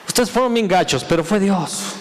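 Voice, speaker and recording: A man preaching a sermon, retelling a story in a lively, colloquial, dramatic way. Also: sits high, normal speed, a little hiss or hum. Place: church hall. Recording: echoey church hall.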